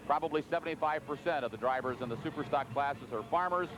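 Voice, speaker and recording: A man calling a tractor pull as live play-by-play, in an excitable, folksy way. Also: on the high side, fast. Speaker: tractor pull announcer and commentator. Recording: noisy outdoor track, engines behind. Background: outdoor ambience and vehicle noise.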